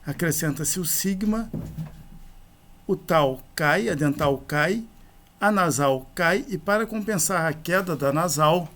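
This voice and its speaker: A man's voice: fairly high pitch, lively intonation, takes it slowly, a bit bright, a little hiss or hum. A man teaching a grammar lesson, explaining forms one by one in a methodical, explanatory way. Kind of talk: slow grammar lecture.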